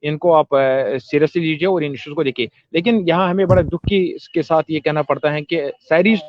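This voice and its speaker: A man's voice: on the high side, a little fast. A man speaking for protesting employees over a glitchy call line that keeps cutting out, hesitant and full of filler sounds. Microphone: phone or video call. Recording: dry, muffled call audio.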